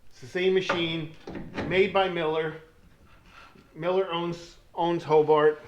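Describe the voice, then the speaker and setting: Man, fabricator vlogging from his garage, unhurried, slightly high voice, explains as he works. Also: slight background noise. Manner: relaxed, explains work step by step while working. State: out of breath at times. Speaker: metal fabricator. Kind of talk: casual shop vlog talk.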